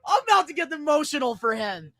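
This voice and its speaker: A high-pitched, bright-voiced man reacts live, excitable and prone to yelling and swearing. His voice is recorded close and dry. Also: fast talker, dry recording. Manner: excitable, shouts and swears in bursts of joy. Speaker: streamer reacting to a sports draft.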